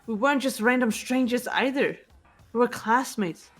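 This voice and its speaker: A woman with a slightly high voice, close to how she'd normally talk, speaks at normal speed over soft background music. She voices a haughty young female mastermind in a fan-dubbed video game, gloating, grandiose, mocking and taunting.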